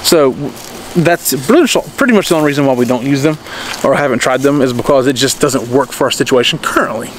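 Out in his backyard, a man in his thirties films a casual explainer vlog about homesteading on a handheld camera at arm's length. He speaks quickly in a medium-pitched voice, rambling with restarts and repeated "okay?"s, and the audio is poor with slight background noise.

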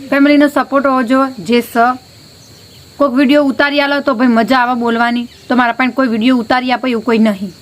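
Holding her phone on a village rooftop, a family vlogger chats to the camera in a high voice, speaking fast with a steady tone. Her talk is relaxed and full of friendly filler words.

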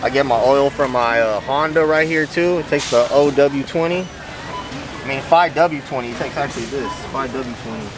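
A man's voice: medium pitch, normal speed. Young man with loose slangy talk. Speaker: fitness vlogger. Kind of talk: casual shopping vlog. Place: big warehouse store, indoors. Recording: noisy store ambience.

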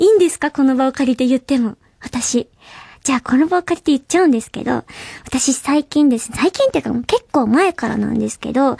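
A woman's voice: high-pitched, creaky, darkish tone, husky, no echo, studio quality. A young woman hosting a radio show, chatting casually and reading listener mail in a bubbly, giggly way. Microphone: studio mic.

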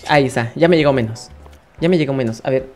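A man with a Mexican accent narrates his game in a playful, excitable way, talking straight to his viewers in a voice of middling pitch. Faint game music runs under his chatter. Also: fast. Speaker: gaming channel host. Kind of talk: casual gameplay commentary.

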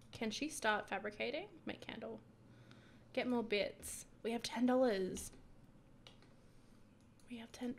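A woman giving casual, chatty commentary over life-sim gameplay, excitable, with frequent whispered asides. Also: medium pitch, creaky, slight background noise. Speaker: gaming YouTuber.

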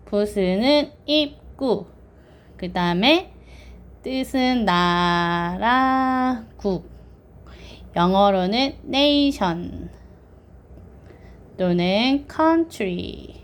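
Woman, children's teacher, very slow, patient, drills pronunciation. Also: on the high side, expressive. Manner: patient, counts strokes aloud, drills pronunciation. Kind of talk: online lesson for children.

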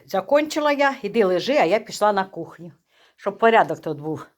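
A woman speaks, into her talk. She chats casually in a home vlog, teasing and cooing at a dog. Her voice leaps up and down in pitch plenty of life. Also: brisk. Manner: lively, teasing, talks to the dog in baby talk. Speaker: vlogger.

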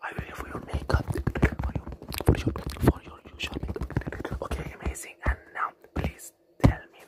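A breathy, unvoiced whisper from a young man doing fast, aggressive ASMR. He plays a makeup artist in a whispered role-play, repeating words in quick, insistent bursts. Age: young adult. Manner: rapid, insistent, repetitive whispering.

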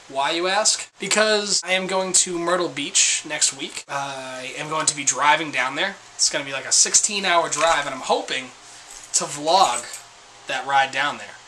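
Young male vlogger, bright, cutting tone, a bit high, rambling and self-mocking, webcam-close in a small room. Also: slight background noise, rough recording. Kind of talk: casual chat to camera.

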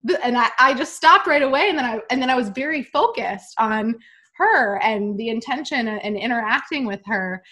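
A woman hosts a casual interview, her voice a touch higher than most. She tells stories with lively energy and acts out the quoted lines. The talk is loose and chatty, full of likes and ums. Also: normal speed. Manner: animated storyteller, acts out quotes. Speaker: podcast host.

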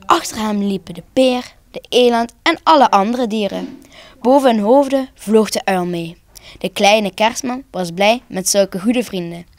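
A woman reads a children's Christmas tale aloud in a calm, expressive storytelling voice. Her pitch sits in an ordinary middle range. The recording is close and dry with no room sound. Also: dry recording. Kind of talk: children's story reading for broadcast.

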